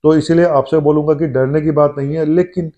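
A middle-aged man, a doctor, talking to the camera from his clinic about a case on a lapel mic, measured and thinking aloud with "uh" pauses. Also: on the high side, steady tone, warm tone, highs cut off. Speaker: doctor hosting his own health channel. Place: indoor clinic room. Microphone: lapel mic, seated facing the camera.

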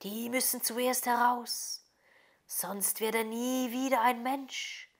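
A woman voicing a wise old Finnish wise-woman who gives calm, solemn counsel. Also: fairly high pitch, slow. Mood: earnest.

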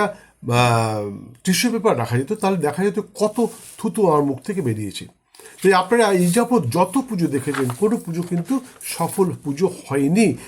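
A man teaching the steps of a ritual, explaining each step plainly and then chanting the mantras slowly and solemnly. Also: high voice, a little hiss or hum. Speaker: astrologer teaching puja rituals. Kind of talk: spoken ritual instruction.

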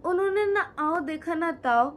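A woman's voice: very high voice, expressive, a little slow. A teenage girl narrating a horror story to viewers, chatty and talking straight to them, with dry asides, recorded on a phone at home. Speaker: co-host storyteller. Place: indoor room, on a sofa.

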